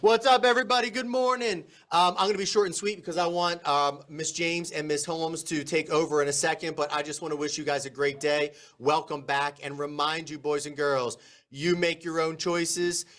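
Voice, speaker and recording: A man's voice: fairly high pitch, steady tone, normal speed, fairly bright tone. A man giving an informal, encouraging morning message to school pupils in a casual way. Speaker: school staff leader addressing pupils. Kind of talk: informal motivational school announcement.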